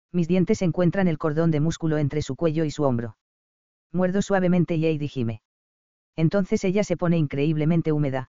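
A man narrating a romance audiobook, slow, intimate and brooding. His voice sits a little high, yet mellow and smooth. The recording is dry and slightly dull, from a voice-over booth. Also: no echo. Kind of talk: scripted first-person narration.

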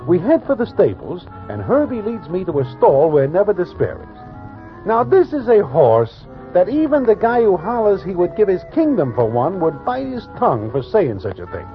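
An actor playing a wry, slangy racetrack gambler who narrates in mock-formal phrases in an old-time radio drama. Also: male voice, sits high, huge pitch swings, moderate pace, heavily acted. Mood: wry narration. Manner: mock-formal, wisecracking delivery. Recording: muffled old radio recording with music.

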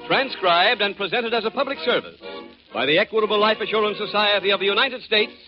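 Male radio announcer from an old broadcast disc: high, animated, formal, muffled. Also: brisk, music in the background. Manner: formal, emphatic sponsor announcements. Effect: old broadcast disc transcription.

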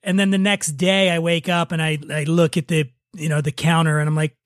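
A man with a fairly high, flat voice speaks at a quick clip, recorded dry with studio quality. He's a podcast host chatting casually about wine, explaining things enthusiastically and swearing now and then.

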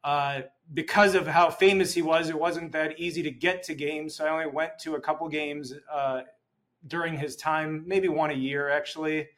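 Man, from Chicago, podcast guest, casual storyteller, slightly high voice. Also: normal speed, low-quality recording. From Chicago, United States. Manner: relaxed storyteller, repeats words. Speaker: podcast guest, functional medicine doctor. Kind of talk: casual interview chat.

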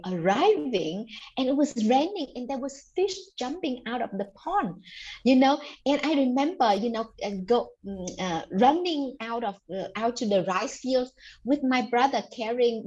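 A woman's voice: on the high side, darkish tone. A woman from Vietnam, telling her story as an author guest in an earnest interview, leaning often on "you know". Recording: dull lo-fi audio.

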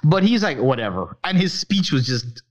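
A man's voice: high voice, expressive, normal speed, lo-fi sound. A man co-hosting a podcast, chatting casually about film and talking in rambling, profane bursts full of restarts. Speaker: podcast co-host.

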